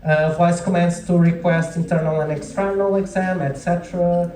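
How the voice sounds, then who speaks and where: In an indoor lecture room before an audience, a Portuguese-accented man, a native speaker of Portuguese, teaches informally and keeps checking in with short tag questions. His high-pitched voice is a little mellow, flat in delivery, and moderately paced, recorded from a distance in an echoey space.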